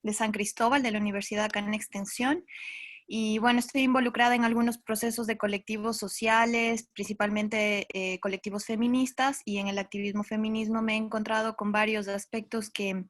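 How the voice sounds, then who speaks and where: A woman's voice: medium pitch, flat delivery, brisk. A young woman student politely introducing herself and asking a question of a panel. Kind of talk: audience question in an online panel.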